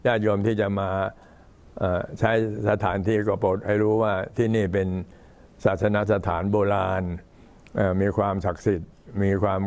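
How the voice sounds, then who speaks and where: An old man, a Buddhist monk, giving an informal talk to temple visitors in an unhurried, halting way. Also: on the low side, level tone, darkish tone. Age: older. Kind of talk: informal talk, recounting temple history and announcements.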